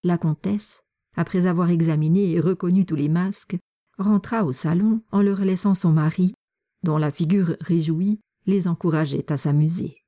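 Woman audiobook reader, low-ish, very dark and mellow, breathy near-whisper. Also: fairly even intonation, normal speed. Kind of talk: audiobook narration of a classic novel.

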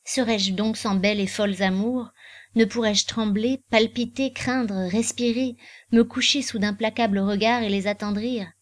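A woman's voice: fairly high pitch, steady tone, normal speed, no room sound, lightly acted. A woman reading the part of an earnest, passionate young male nobleman in an audiobook.

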